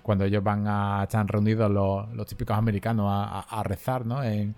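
Male podcast co-host, lowish voice, halting casual film chat with tag questions. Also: level tone, darkish tone.

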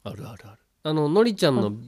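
A man with a Kansai accent, hosting a relaxed late-night style chat. His pitch swings widely as he tells animated stories, and he breaks into laughter often. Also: racing. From Osaka, Kansai. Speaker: radio-style podcast host. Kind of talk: casual chat.

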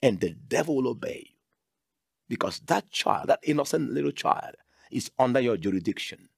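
A man preaching a sermon fervently, his voice rising to loud cries and then dropping low and quiet. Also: lively intonation, moderate pace, gravelly, no echo, clean studio sound.

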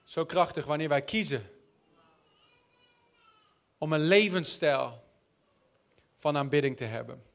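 A man's voice: fairly high pitch, slow pace, gravelly, pauses often, a bit bright. A male preacher, giving a sermon in a storytelling way, with jokes along the way and words repeated while he searches for the next one.

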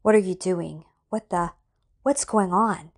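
A woman voicing a lonely, nervous man who grows frightened and tense, speaking in a slightly husky voice. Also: mid-range voice, expressive, moderate pace. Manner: tense, rising to frightened shouting.

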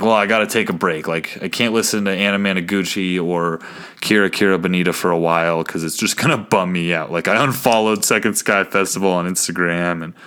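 A young man hosting his own small podcast, talking casually and excitedly, rambling with restarts and asides to listeners. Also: deep voice, smooth. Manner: rambling and excitable, many restarts and "you guys". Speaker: podcast host. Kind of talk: casual solo podcast talk.

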